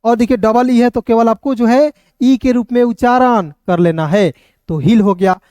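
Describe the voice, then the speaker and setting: A man with a high, light voice gives an English reading lesson. He spells each word out letter by letter, slows down to drill it, and turns to his listeners with questions. The sound is close and dry, with no room echo. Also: a little mellow. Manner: drills words, spells them out letter by letter and slowly; keeps asking the viewers questions, calling them friends. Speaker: English teacher. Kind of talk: spoken phonics lesson for Hindi speakers.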